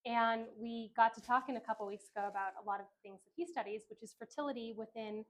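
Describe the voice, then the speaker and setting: A woman's voice: mid-range voice, a bit bright. A woman hosting an interview, friendly and loose, introducing her guest with a few fillers. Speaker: interview host.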